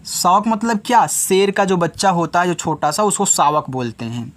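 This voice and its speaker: A man with a Hindi accent teaching English phonics to children, slowly spelling out letters and repeating the answers to his own questions. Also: sits high, expressive, fairly bright tone. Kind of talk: whiteboard phonics lesson.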